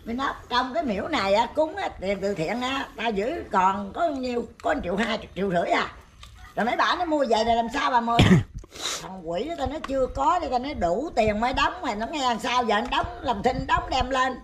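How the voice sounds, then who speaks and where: An older woman, chatting outdoors and telling a long, animated story with plenty of exclamations. Her voice sits a little high. The recording is noisy, with animals audible in the background. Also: a little fast. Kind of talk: casual chat.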